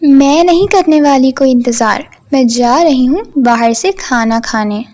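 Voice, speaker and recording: A spoiled young daughter in a cartoon story complains and demands in a high voice, as a woman plays her. She sounds whiny and entitled. The lines come out slowly. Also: expressive, darkish tone. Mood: demanding. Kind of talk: cartoon voice acting.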